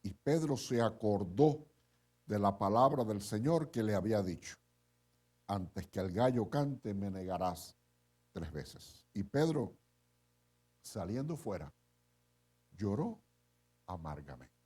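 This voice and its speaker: A middle-aged man preaching a sermon as pastor. He retells the story in an animated way and often checks in with listeners with a quick "eh?". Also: on the low side, husky.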